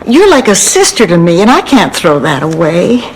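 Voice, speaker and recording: Earnest, animated sitcom woman. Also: fairly low pitch, moderate pace. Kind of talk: sitcom acting. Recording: noisy TV soundtrack with studio crowd.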